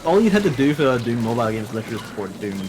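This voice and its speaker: A man's voice: mid-range voice, sing-song, very fast, noisy background. A man co-hosting a casual gaming chat, rambling and sarcastic, swearing often as he plays. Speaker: co-host. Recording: game music playing behind.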